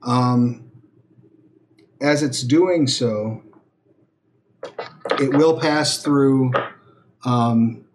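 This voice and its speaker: A man running a tabletop game as game master, narrating in an unhurried way with many ums. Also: medium pitch. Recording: noisy home recording.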